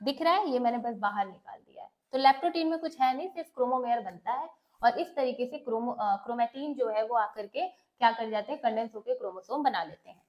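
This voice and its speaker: A woman teacher speaks in a high, clear voice. She walks through the lesson step by step, posing questions and answering them herself while mixing Hindi with English terms. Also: a little fast, highs cut off. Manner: explains step by step, asks and answers her own questions. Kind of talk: bilingual classroom lecture.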